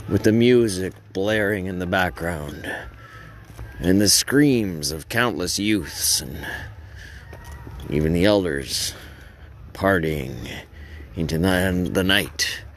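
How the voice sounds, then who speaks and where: Deep, slow-talking deadpan male storyteller. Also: slight background noise. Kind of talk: wry first-person story narration.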